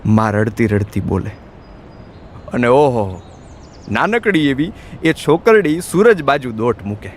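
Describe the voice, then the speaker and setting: Expressive male audiobook narrator. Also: medium pitch, slow, pauses often, slight background noise.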